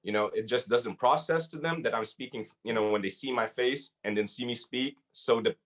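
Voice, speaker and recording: This man speaks at medium pitch and a normal pace. He's a hip hop artist who grew up in the Philippines, Saudi Arabia and Syria, chatting as a guest in a casual interview and mixing slang with some Arabic phrases.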